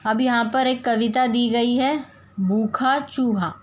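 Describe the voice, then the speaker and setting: A woman teaching young children a Hindi lesson, saying example words slowly and deliberately so they can repeat after her. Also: on the high side, little pitch movement. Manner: slow, carefully drawn-out pronunciation of example words. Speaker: primary school Hindi teacher.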